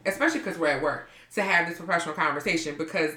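A woman hosting a podcast in casual chat, talking emphatically in quick short bursts. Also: deep voice, pushed and bright. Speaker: podcast host. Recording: echoey room.

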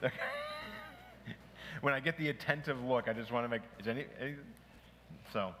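A man's voice: mid-range voice, quick pace, fairly bright tone. Man teaching a church group in a reverberant hall. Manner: conversational, restarts and asides, asks the group questions. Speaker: pastor. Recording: long hall reverb, faint noise.

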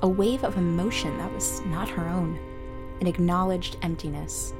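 Female narrator, audio drama; measured, slightly low, over music. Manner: measured, storytelling.

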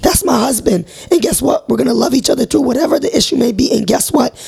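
A woman hosting a casual, candid chat show, her voice hoarse from a cold and sore throat. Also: a little high, fast talker, darkish tone. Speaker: host.

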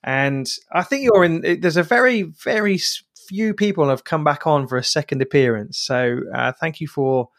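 A man's voice: fairly high pitch, normal speed, hardly any pauses, fairly bright tone, dry recording, studio quality. A man with an English accent hosting a podcast interview. He talks in a friendly, chatty way and restarts his sentences often. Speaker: podcast host.

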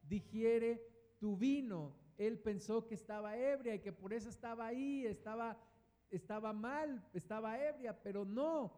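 A man's voice: high-pitched, normal speed, darkish tone. A man preaching a sermon in a church hall, earnestly repeating words for emphasis. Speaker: guest preacher. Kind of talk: sermon with scripture reading. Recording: long hall reverb.

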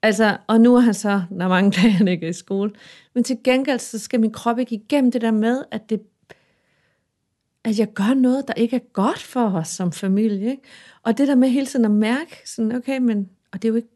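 A woman, a mother, talking in a relaxed, earnest and reflective way in a casual chat. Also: on the high side. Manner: earnest, reflective, animated at times.

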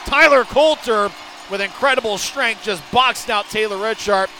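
Male hockey announcer, higher-pitched and forceful, rapid play-by-play in short, clipped running calls. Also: steady tone, a little hiss or hum, rough recording.

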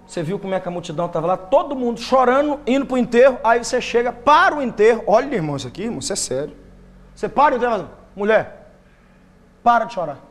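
Impassioned high-voiced preacher. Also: male voice, very animated, racing. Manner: impassioned, swinging between loud bursts and hushed intensity. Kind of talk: sermon.

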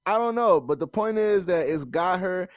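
A man's voice: high voice, lively intonation, normal speed, dry recording. A man chatting casually as a podcast host, slangy and opinionated.

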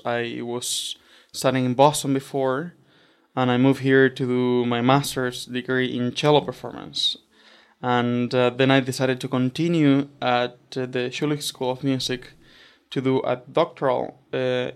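A man's voice: medium pitch, gravelly, smooth. A young man from Argentina, talking as a guest in a casual interview, hesitant with many fillers and restarts. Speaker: doctoral student guest.

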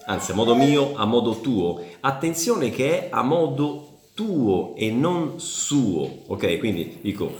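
A man teaching Italian in a casual online lesson, chatty and often checking in with quick tag questions. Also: mid-range voice, reverberant. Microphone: camera.

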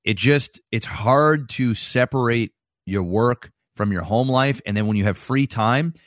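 A man in his thirties co-hosting a casual podcast, talking in a laid-back, drawn-out way with plenty of swearing. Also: mid-range voice, no room sound, clean studio sound. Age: 30s. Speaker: podcast co-host. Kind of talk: casual chat.

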